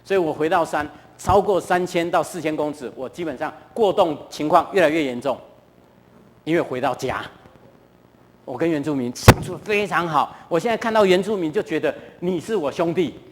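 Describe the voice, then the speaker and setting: A middle-aged man with a Taiwanese Mandarin accent, giving a lively storytelling talk at a church and often asking the audience questions. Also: a little high, moderate pace. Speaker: guest lecturer at a church. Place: church hall. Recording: reverberant church hall.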